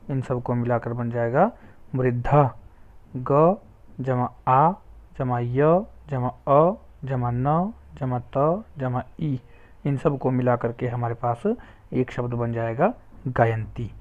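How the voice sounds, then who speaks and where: A man's voice: mid-range voice, darkish tone. A man teaching Sanskrit, patiently spelling words out letter by letter. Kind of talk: slow explanatory lesson narration. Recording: tinny phone-like sound.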